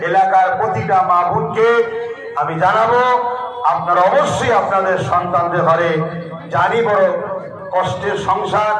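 A man with a West Bengal accent giving a rousing religious rally speech, exhorting the crowd and asking it to respond. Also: sits high. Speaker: religious leader addressing a rally. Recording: very echoey distant PA with crowd.

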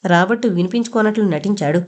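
A woman's voice: medium pitch, quick pace, darkish tone. A woman reading an audio novel aloud, narrating and voicing every character herself with small shifts in her voice.

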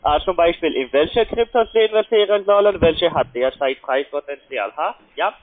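Over a muffled, narrow phone line, a call centre agent who isn't a native German speaker delivers a halting sales pitch in accented German. He's hesitant and polite, keeps tagging sentences with little questions, and sounds expressive at a normal pace.

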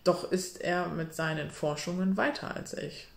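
A woman's voice: on the low side, steady tone, a little slow, gravelly. Cold commanding stepfather, read by a woman, clipped, storybook, roomy room sound. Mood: polite. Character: cold, stern smiling stepfather, middle-aged man. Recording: roomy echo.

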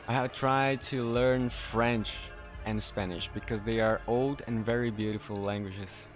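A man streaming a game in casual chat, speaking careful non-native English, halting and self-correcting, laughing often. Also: fairly low pitch, steady tone, faint music behind.

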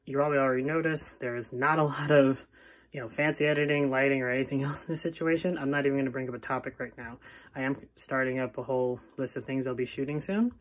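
A man in his twenties or thirties with heavy, audible breathing, talking casually and haltingly to his phone in a self-deprecating way. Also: medium pitch. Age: 20s to 30s. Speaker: pharmacist starting a video channel. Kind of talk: casual vlog talk to camera. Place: plain indoor room. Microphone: phone at arm's length.

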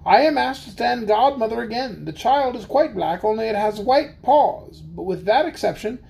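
A woman's voice: on the high side, animated, normal speed, vocal fry, warm tone. A woman voicing a greedy, sly female cat who speaks coolly and offhandedly. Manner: cool and offhand.

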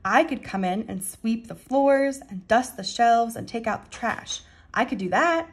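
A woman's voice: fairly high pitch, lively intonation, unhurried. Woman as an eager, earnest girl. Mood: hopeful bargaining. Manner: earnest, pleading, folksy. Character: eager, polite ten-ish preacher's daughter, persuasive.

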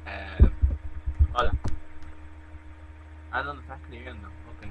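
A young Venezuelan man with a Venezuelan Spanish accent, chatting with strangers on a video chat site and talking into his laptop mic, playful and pleading, breaking into loud calls. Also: medium pitch, a little slow, narrow, tinny audio, a little hiss or hum. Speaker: vlogger.

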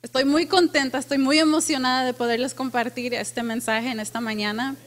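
A woman pastor preaching a lively sermon to a congregation, asking them questions and dropping in English phrases. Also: high-pitched, brisk. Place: church with congregation.

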